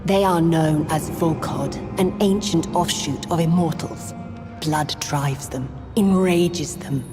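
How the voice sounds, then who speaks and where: An actress playing a proud, guarded old vampire outcast leader in a video game, stern, measured and solemn. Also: female voice, deep voice. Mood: grave. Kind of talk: dramatic video game acting. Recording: long hall reverb, loud music behind.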